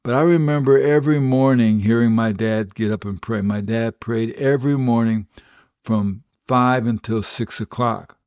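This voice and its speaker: Mellow older radio pastor. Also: male voice, mid-range voice, normal speed, dry recording. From West Africa. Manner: earnest, steady preaching storytelling. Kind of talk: radio sermon with personal testimony. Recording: slightly dull, dry radio recording.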